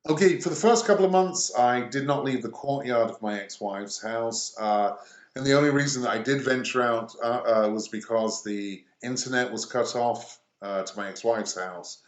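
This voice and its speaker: A middle-aged man from England, speaking as an interview guest in a halting way, pausing often between phrases. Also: medium pitch. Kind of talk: conversational interview. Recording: echoey room.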